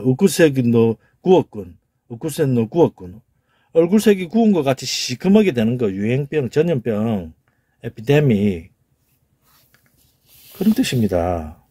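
A man's voice: mid-range voice, dark tone, husky, dry recording, clean studio sound. A man with a Gyeongsang Korean accent giving an informal lecture, emphatic, repeating key words and sounding them out.

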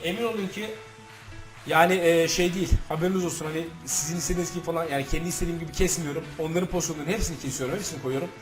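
A man hosting a gaming channel, loudly commentating his own football match and swearing at it. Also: fairly high pitch, very fast, over music. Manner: swears loudly and shouts at the game. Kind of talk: live gameplay commentary.

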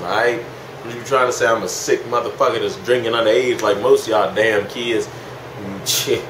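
Tipsy young man rambling in echoey room. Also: mid-range voice. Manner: heavily profane, slangy. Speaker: vlogger. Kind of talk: casual rambling confessional chat. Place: small indoor room at home. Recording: echoey room with clear background hiss.

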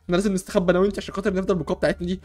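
Frantic fast-talking young Egyptian man. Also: high-pitched, little pitch movement. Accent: Egyptian Arabic. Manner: loud, frantic and constantly exclaiming. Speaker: gamer playing a superhero in a block-building game. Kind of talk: excitable role-play over gameplay.

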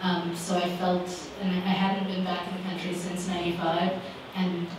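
A woman's voice: fairly low pitch, monotone, moderate pace. A woman author in her forties answering audience questions on a panel, thoughtful with many fillers. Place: living room with small audience. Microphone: handheld microphone. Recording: roomy sound from far camera, background noise.

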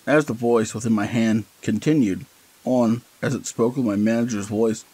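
A man reading a horror story aloud as scripted narration, in a measured, deliberate way. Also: medium pitch, darkish tone, rough recording.

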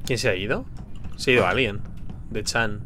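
A man's voice: on the low side, moderate pace, faint music behind. Man muttering through a game. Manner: mutters to himself, bursts into loud frustrated swearing. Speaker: gaming streamer. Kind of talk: casual gameplay commentary with friends.

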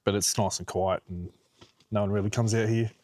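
A relaxed, chatty Australian man in middle age, talking to his camera outdoors by a quiet road. His voice sits low and is recorded dry and close, with easy laughs and the odd casual swear word. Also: brisk, no echo. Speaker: vlogger. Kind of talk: casual outdoor vlog chat.

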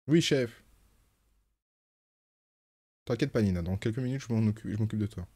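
A man's voice: on the low side, rapid-fire, dark tone. A man reading game dialogue aloud during a live stream, chatting casually with viewers between lines. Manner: reads game lines in playful put-on voices, chats with viewers. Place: home, with cats nearby.

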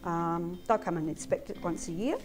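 A woman's voice: lowish voice, moderate pace. A woman, a guest explaining how she makes chutney in a casual, plain-spoken way with frequent ums. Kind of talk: casual cooking chat. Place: home kitchen, indoors.

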